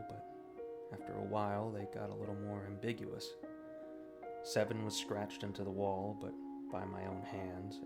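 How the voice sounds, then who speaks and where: Low, gravelly man narrating horror. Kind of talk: scripted first-person horror story narration. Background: guitar music.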